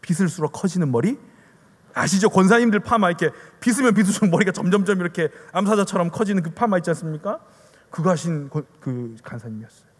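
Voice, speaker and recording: A male pastor preaching to a youth group, telling a story in an animated way with many rhetorical questions. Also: fairly high pitch, in a large hall.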